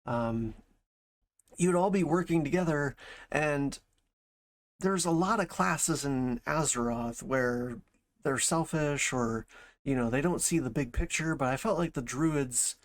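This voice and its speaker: A man's voice: fairly high pitch, unhurried. A man chatting casually as a streamer reacting to a video, thinking aloud in broken, rambling phrases. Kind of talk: casual chat, reaction commentary.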